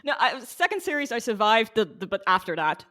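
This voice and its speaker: A woman's voice: fairly high pitch, very animated, a little fast, fairly bright tone. A woman from Ireland guesting on a casual podcast chat, laughing easily and poking fun at herself. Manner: laughs easily, self-mocking.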